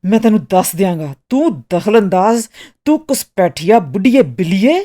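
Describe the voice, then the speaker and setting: A woman voicing a furious middle-aged German male draftsman who shouts insults. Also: medium pitch, sing-song, moderate pace, natural voice. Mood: furious shouting.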